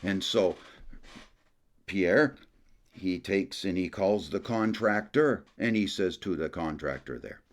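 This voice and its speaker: Brief: man putting on an Acadian French storyteller, deep-voiced, folksy and rambling. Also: slow. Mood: folksy storytelling. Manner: folksy, rambling, tacks "there" onto phrases.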